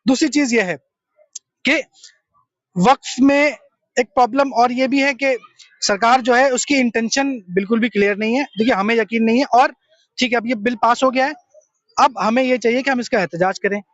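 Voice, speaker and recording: A young man with a very high voice speaks earnestly in a street interview and explains his view point by point. His speech is dry and close, with a dull, lo-fi sound. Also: moderate pace, fairly bright tone, no echo. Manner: earnest, explanatory, mixes English terms.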